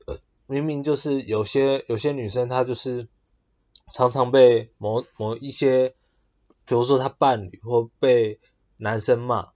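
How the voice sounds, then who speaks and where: A man hosting a podcast monologue, halting and full of fillers and restarts. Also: mid-range voice, darkish tone, dull audio. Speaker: podcast host. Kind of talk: casual monologue.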